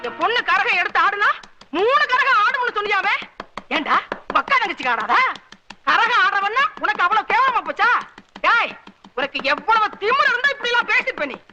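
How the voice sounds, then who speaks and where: An actress playing a defiant village woman who shouts down and curses a bullying butcher in a film scene. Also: extremely high pitch, sing-song, moderate pace, background noise. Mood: furious. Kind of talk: 1980s-90s Tamil film drama dialogue.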